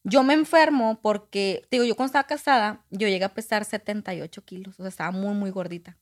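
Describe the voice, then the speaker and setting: A woman's voice: medium pitch, fast. A woman, a podcast guest candidly telling a personal story and acting out what people said. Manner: candid, acts out quoted dialogue.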